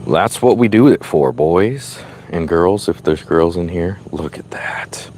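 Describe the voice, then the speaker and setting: A man with a low voice talks casually to his live viewers like an excited wildlife host. He is outdoors by a road, with steady vehicle noise around him. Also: a little slow. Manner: excited, admiring wildlife-host narration when showing an animal. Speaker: livestreamer hunting for wild snakes. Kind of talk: casual live vlog commentary. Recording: noisy roadside with car sounds.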